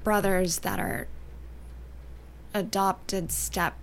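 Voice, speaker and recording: A young adult woman from Canada and Northern California, chatting as an interview guest, soft-spoken and often trailing off into near-whispers. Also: medium pitch, fairly even intonation, extremely slow, gravelly, a little hiss or hum. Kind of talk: casual interview chat.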